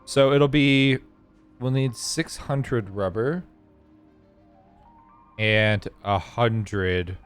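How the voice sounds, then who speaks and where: A man's voice: medium pitch, very slow, pauses often, smooth, soft background music. A man chatting casually with his viewers during a live game stream, rambling and thinking aloud as he plays. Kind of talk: casual live-stream chat while gaming.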